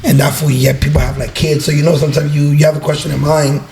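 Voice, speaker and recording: Appearing as a guest on a laid-back podcast, a twenty-something online video creator from Los Angeles, United States, talks loosely, full of slang, fillers and swearing. His voice is fairly high and darkish, with a level tone and quick pace, over soft background music.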